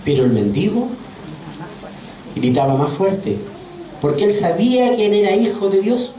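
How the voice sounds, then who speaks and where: A man's voice: sits high, animated, measured pace, warm tone. A man preaching a sermon in a church, earnest and asking his congregation questions. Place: church sanctuary. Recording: echoey church audio from far off, faint noise.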